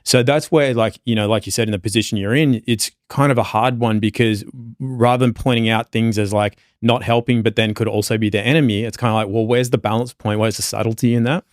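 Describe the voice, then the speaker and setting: An Australian man speaking in a fairly low voice as a podcast guest. He thinks aloud in a loose, meandering way, leaning on lots of fillers. The recording is close and dry, with no room sound. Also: fairly even intonation, a little fast, hardly any pauses, no room sound. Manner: reflective, loose and rambling, many fillers. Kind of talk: casual conversation.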